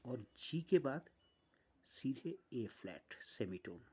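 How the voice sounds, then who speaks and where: A man teaching an online music lesson, explaining step by step with pauses. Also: mid-range voice, big pitch swings, warm tone, slightly rough.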